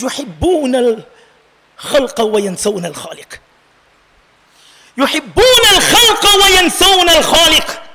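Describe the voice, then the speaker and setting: Male preacher, impassioned sermon delivery with repeated refrains, forceful tone, reverberant hall. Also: very high-pitched, vocal fry. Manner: impassioned, repetitive refrains, mixes Arabic and Urdu phrases.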